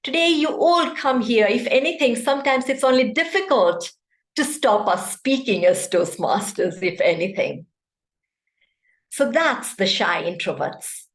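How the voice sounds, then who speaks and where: Slow, echoey woman giving a speech. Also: on the high side, lively intonation. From Kenya. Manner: interactive, poses questions to the audience. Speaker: club speaker. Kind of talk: prepared speech at an online meeting. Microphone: video call. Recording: echoey room.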